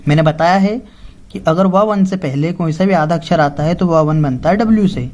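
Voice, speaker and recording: A man's voice: fairly high pitch, moderate pace, a little mellow. A man teaching a lesson, explaining step by step, spelling out letters one at a time and answering his own questions. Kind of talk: classroom-style spoken lesson.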